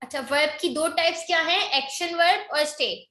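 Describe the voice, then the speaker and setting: A woman teaching an English grammar lesson online, explaining in Hindi mixed with English, reading definitions slowly and often checking in with "okay?". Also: extremely high pitch, sharp tone, echoey room.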